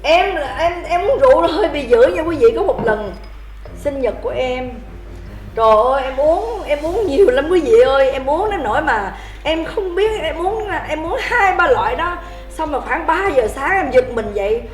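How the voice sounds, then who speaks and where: A woman telling drinking stories in a casual, animated chat, laughing often and calling out toasts. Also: high voice, moderate pace, reverberant. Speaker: livestream host telling drinking stories to viewers.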